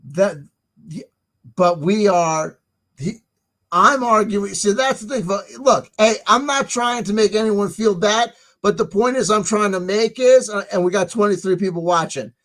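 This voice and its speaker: A man with a notably high voice hosts a livestream monologue. He rambles insistently, circles back over his phrases and leans hard on his points. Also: a little slow, a bit bright. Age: 30s to 40s. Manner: emphatic, insistent, repeats himself. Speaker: livestream host.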